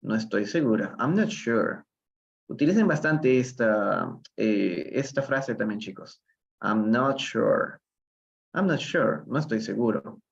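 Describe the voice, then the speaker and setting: A man's voice: mid-range voice, lively intonation, a little slow, gravelly, highs cut off. A man from Peru teaching English in a live online reading lesson, patiently explaining step by step and switching between Spanish and English.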